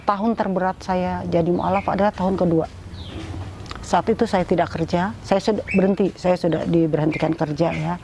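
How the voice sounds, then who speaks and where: A middle-aged woman giving an emotional personal testimony in an interview, her voice rising high when she is moved. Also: fairly even intonation, moderate pace, noisy background.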